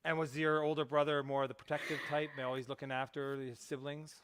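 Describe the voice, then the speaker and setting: A man's voice: on the high side, level tone, fairly quick, fairly bright tone. A man hosting a podcast from Canada, asking friendly questions and chatting casually. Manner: friendly, chatty, laughs along. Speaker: podcast host.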